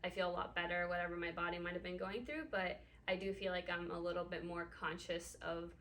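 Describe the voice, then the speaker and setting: A woman in her twenties from Ecuador, a patient talking casually in an interview and pausing often with um. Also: on the low side, steady tone, a bit bright, slight background noise. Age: 20s. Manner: hesitant, many ums. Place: clinic room.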